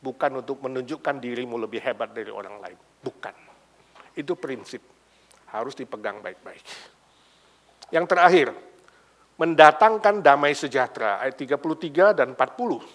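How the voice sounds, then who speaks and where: A man's voice: medium pitch, animated, moderate pace, pauses often, a bit bright. A man from Indonesia preaching a sermon as a pastor, telling stories and acting out the characters with bits of English and casual slang. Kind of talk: sermon with anecdotal storytelling.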